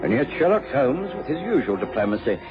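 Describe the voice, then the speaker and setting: Casting: man playing courteous doctor-narrator, formal yet animated, muffled radio mystery with music. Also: mid-range voice, fairly quick, natural voice. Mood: measured storytelling. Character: gentlemanly doctor narrating his detective friend's case. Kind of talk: radio drama storytelling.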